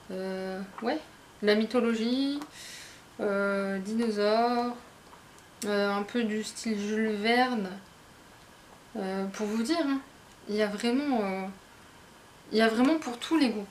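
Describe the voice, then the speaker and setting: A woman's voice: mid-range voice, a little hiss or hum. A tired woman, chatting casually at home as a book vlogger, rambling and poking fun at her own slips. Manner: rambling, self-mocking, stumbles over words. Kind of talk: casual book haul vlog. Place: at home, indoors.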